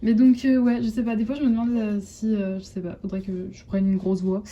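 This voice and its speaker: Mellow-voiced young French woman vlogging. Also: medium pitch, flat delivery, brisk, muffled recording, a little hiss or hum. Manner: chatty, rambling, many fillers and restarts. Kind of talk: casual chat to camera. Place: at home indoors. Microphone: phone camera.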